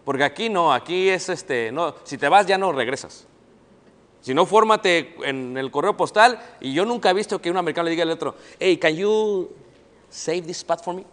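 A man's voice: on the high side, a little fast. A middle-aged man with a Mexican accent preaching a sermon, quizzing the congregation and acting out the people he quotes. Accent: Mexican Spanish. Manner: animated, asks the congregation questions and acts out quoted people. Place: church hall. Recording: long church hall reverb.

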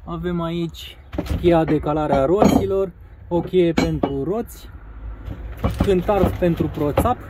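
A man's voice: a little high, very noisy. A Romanian man casually showing his caravan outdoors, talking plainly with a few fillers while filming on a phone. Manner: plain, matter-of-fact, pauses with fillers. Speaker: caravan seller. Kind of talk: casual walkaround presentation. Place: outdoors on a grassy lot beside a caravan. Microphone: phone camera held by the speaker.

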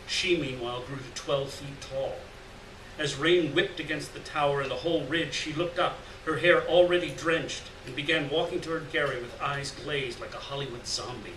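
Reading short fiction aloud at normal speed, a middle-aged man with a voice on the high side performs scripted narration at a live literary event. He's at a lectern in a noisy gallery room, recorded from a distance with a roomy sound.

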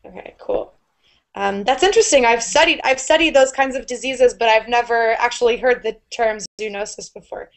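A woman's voice: a little high, normal speed. Upbeat woman teacher on a video call. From United States. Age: young adult. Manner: upbeat, clear teacherly explaining. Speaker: online English teacher. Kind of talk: live online class. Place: small room indoors. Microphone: earbud headset on a video call.

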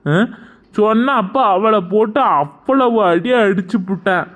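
A grumbling, fed-up cartoon son. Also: male voice, high voice, a little slow, fairly bright tone. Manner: complaining, keeps asking "ம்?". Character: grumbling adult son fed up with his mother. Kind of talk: cartoon voice acting.

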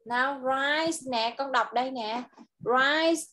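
A woman teacher speaks slowly and patiently, her voice a little high, coaxing a child to repeat short English phrases one at a time. She gently models each word and waits for him in a one-on-one lesson.

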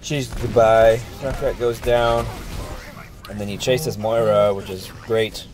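A man with a fairly low voice talks through a friend's match in an easygoing, encouraging way. He is sick, and his voice sounds worn, with lots of ums as he goes. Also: little pitch movement, slow pace, darkish tone. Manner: easygoing, upbeat, many ums. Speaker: gameplay reviewer. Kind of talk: casual gameplay commentary.

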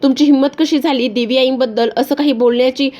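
A woman's voice: high voice, fairly even intonation, fast, a little mellow, close to an everyday voice. Woman reading as an indignant young woman. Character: angry young woman defending her mother-in-law.

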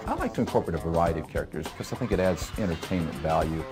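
Animated, lowish-voiced man in interview. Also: very fast, over music. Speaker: ventriloquist. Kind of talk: interview talk to camera.

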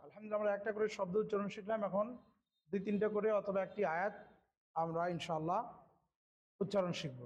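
A man teaching Quran pronunciation, reciting the verses slowly syllable by syllable and stopping for quick spoken explanations of each sound. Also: sits high, fairly even intonation, a little mellow, highs cut off, slight background noise.

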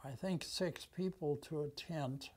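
An American man in his nineties with an aged voice, recounting memories conversationally and haltingly, with long pauses. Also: a little high, a little mellow, slightly rough. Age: 90s. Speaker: war veteran being interviewed. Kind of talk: conversational reminiscence. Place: small office, indoors. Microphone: lapel mic.

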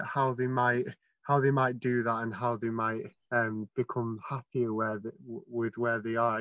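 A man's voice: medium pitch, fairly bright tone, dry recording. Young guy on a webcam, lots of ums and uhs, muffled sound from far back. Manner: rambling, halting with many fillers. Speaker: audience member asking a question. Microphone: video call. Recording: dull, dry and distant webcam sound.

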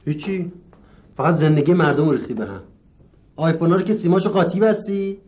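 A man's voice: a little high, a little mellow. A young man acting an exasperated student roommate in a TV comedy drama, scolding a friend. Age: young adult.

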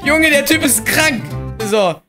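A man with a German accent doing excitable, slang-heavy let's-play commentary and talking to his viewers. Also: very high-pitched, slow, soft background music. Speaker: gaming youtuber.

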